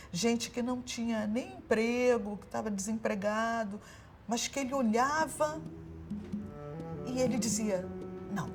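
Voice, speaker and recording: Woman with a higher voice, pauses for words, passionate, music clearly in the background. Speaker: interviewee. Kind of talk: reflective interview.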